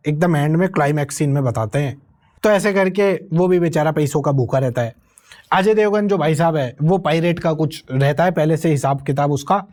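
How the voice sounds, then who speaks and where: A young man with a notably high-pitched voice tears into a film in a comedic review rant. He rambles from scene to scene, sarcastic and incredulous at every turn. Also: darkish tone. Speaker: movie reviewer.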